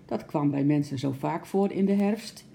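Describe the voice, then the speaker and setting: A woman's voice: low voice, normal speed, vocal fry, mellow, slight background noise. Woman voicing Lotje, an anxious little girl. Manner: anxious, eager questions. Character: worried, headstrong young girl.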